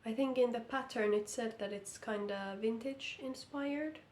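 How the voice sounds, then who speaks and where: A woman from Finland with a Finnish accent, speaking English, sounding croaky from being sick as she talks through a knitting update slowly and carefully. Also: a little high, a little mellow, echoey room, slight background noise. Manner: slow, careful, hesitant. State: hoarse from illness. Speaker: knitting vlogger. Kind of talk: casual vlog update. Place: indoor room under lamp light.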